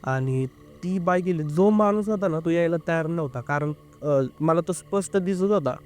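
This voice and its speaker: A man's voice: fairly high pitch, a little mellow. Earnest young man recounting a story. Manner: earnest, halting, with filler sounds. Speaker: interview guest. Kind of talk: casual first-person storytelling.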